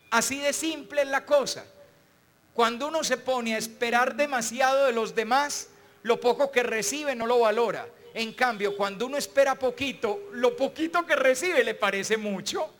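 Brief: older Colombian priest, very high voice, homespun storyteller. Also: male voice, fairly bright tone. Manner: folksy, storytelling, acts out quoted voices. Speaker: priest and speaker. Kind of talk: motivational talk.

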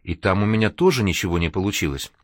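A man's voice: low-pitched, lively intonation, fast, no room sound, studio quality. A man reading an audiobook, voicing a complaining, resentful young male artist. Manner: whiny, complaining.

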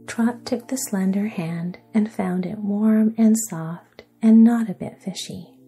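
Woman whispering a slow bedtime story. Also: mid-range voice, slightly rough, faint music behind. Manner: soft, hushed and soothing. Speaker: narrator. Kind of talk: whispered sleep story narration.

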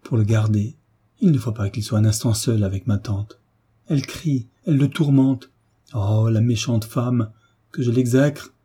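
A man's voice: steady tone, normal speed, mellow, husky. A man voicing a desperate little girl. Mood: pleading, indignant. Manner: pleading, raised pitch.

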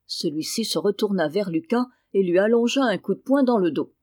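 A woman reading a classic children's novel aloud, in a clear, measured way. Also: mid-range voice, animated, darkish tone, no echo, studio quality. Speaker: reader.

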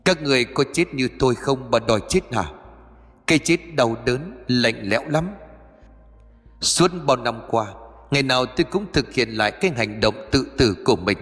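A man voicing the sorrowful ghost of a dead mother, who speaks in a mournful, pleading and gently scolding way. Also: medium pitch, expressive, normal speed, long reverb tail, close to an everyday voice. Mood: anguished.

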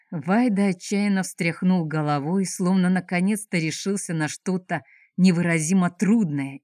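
A woman narrates a novel in a measured, expressive manner. Her voice sits somewhat low, and the recording is dry and close. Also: no room sound. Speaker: audiobook narrator. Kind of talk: scripted narration.

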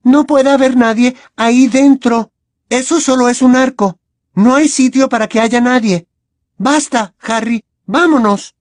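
Storybook: frightened teen witch girl, high, shrill and pushy, voiced by a man. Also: normal speed, a little mellow, no echo, clean studio sound. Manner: shrill, tense, urgent. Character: frightened, insistent teenage schoolgirl witch.

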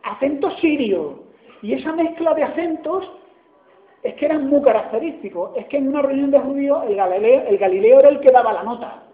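A man's voice: extremely high pitch, lively intonation, fairly quick. Andalusian man preaching in an echoey hall. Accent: Andalusian Spanish. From Spain. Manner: conversational, asks "¿no?" often. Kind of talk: sermon. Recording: echoey hall over a tinny line.

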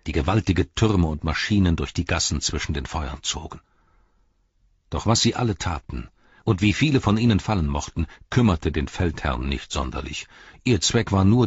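A man reading a story aloud in a measured, grave way. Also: deep voice, husky, no room sound. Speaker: audiobook narrator. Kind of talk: scripted narration. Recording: dull, dry recording.

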